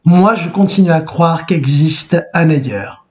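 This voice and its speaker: A man's voice: a little high, measured pace, close to an everyday voice. A man reading aloud the lines of a restless, despairing young man from a novel. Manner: earnest, read aloud from a book. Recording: muffled lo-fi recording.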